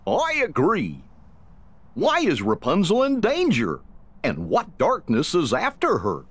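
Goofy, a husky, bouncy cartoon sidekick. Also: male voice, a little high, wildly swooping pitch, slow, no room sound, full character voice. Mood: puzzled. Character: goofy, good-natured cartoon sidekick, male.

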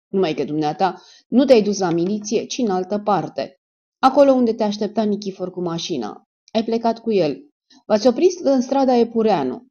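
A stern male security major, as a woman reader voices him, pressing a suspect coldly and with sarcasm. The voice sits higher and louder than her narration, with a mellow, dark tone. The recording is dull and lo-fi. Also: close to an everyday voice.

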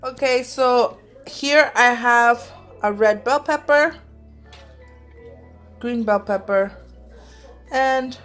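Brief: young woman, slightly high voice, unhurried bilingual kitchen chatter, phone camera, light music behind. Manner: switches between English and Spanish mid-sentence. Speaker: home cooking vlogger. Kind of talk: casual cooking vlog chat. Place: home kitchen, indoors. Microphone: handheld phone camera.

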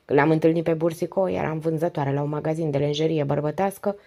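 A woman's voice: low-pitched, steady tone, mellow. Woman reading as a talkative, devoted middle-aged wife. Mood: confiding. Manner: long, flowing confiding speech. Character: 48-year-old wife, talkative, devoted, weary.

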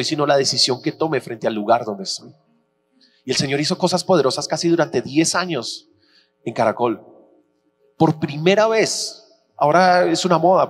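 A fairly high-voiced man preaching from a church stage. He tells his stories with lively, acted-out voices. His voice rings with long reverb over a faint electrical hum. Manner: animated storyteller, acts out dialogue with shifting pitch. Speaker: pastor. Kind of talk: sermon with personal storytelling. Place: church auditorium.

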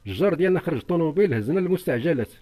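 An older man with a Moroccan accent, interviewed as a distressed eyewitness, gives an urgent, repetitive, pleading account. His fairly high voice is animated, rapid-fire, and mellow.

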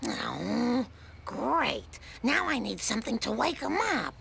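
An actress playing a fussy middle-aged suburban cartoon mom in a video game, with a raspy voice and a prim, drawn-out way of talking. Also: female voice, on the high side, big pitch swings, noisy background, full character voice. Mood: weary, coaxing. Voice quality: raspy, gravelly. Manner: prim, mild exclamations, drawn-out words. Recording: game music behind.

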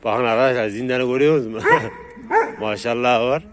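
A man vlogging to his viewers while walking dogs outdoors at night on a dark street, hesitating with drawn-out fillers and calming the dogs with repeated calls. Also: medium pitch. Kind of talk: casual vlog talk to viewers.

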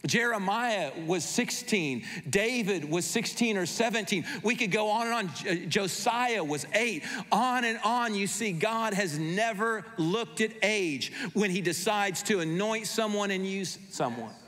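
A man in his fifties preaches with fervent emphasis, hammering repeated phrases. His voice sits high for a man. It rings out through a handheld microphone with the long reverb of a large church auditorium. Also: lively intonation, unhurried, hardly any pauses, fairly bright tone. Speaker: pastor. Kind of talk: sermon.

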